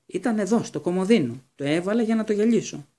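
A man voicing a pompous, formal teenage prefect in an audiobook, with a husky, mellow voice. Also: fairly high pitch, expressive. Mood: indignant.

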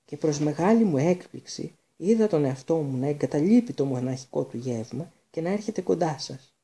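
A man voicing an eerie, dramatic older female seer in a high, theatrical voice. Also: expressive, mellow. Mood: mysterious.

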